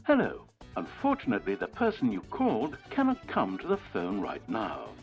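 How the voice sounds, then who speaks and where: A woman voicing an automated voicemail greeting heard over a phone line, measured and formal. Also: a bass voice, huge pitch swings, creaky, a little mellow, faint music behind, heavily acted. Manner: measured, formal recorded announcement. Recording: dull lo-fi phone audio from afar.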